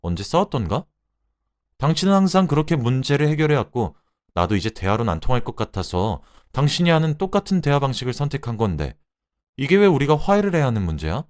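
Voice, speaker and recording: A man voicing an angry young wife who shouts and scolds her husband in a Korean-style radio drama. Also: mid-range voice, very animated, fast, voice pushed up, lightly acted. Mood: indignant. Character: furious young wife, sharp and defiant.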